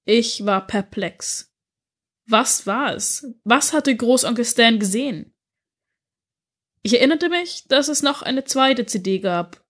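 A woman narrating a scripted story. Her voice sits on the higher side, and her delivery is measured and emotional. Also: animated, a bit bright.

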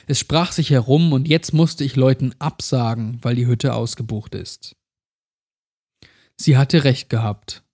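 A man narrating a first-person horror story in a measured, somber way. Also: mid-range voice, steady tone, darkish tone.

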